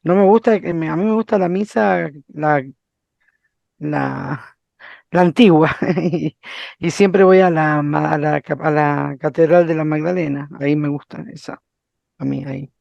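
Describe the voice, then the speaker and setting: Woman student, gravelly voice, lo-fi call audio. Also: low voice, measured pace, darkish tone, dry recording. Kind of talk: class discussion.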